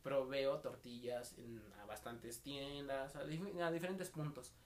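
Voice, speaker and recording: A man's voice: mid-range voice, steady tone, a little slow. A young man with a Mexican accent, co-hosting a casual podcast and telling anecdotes with slang, acting out the voices of the people he quotes. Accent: Mexican Spanish. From State of Mexico. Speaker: podcast co-host.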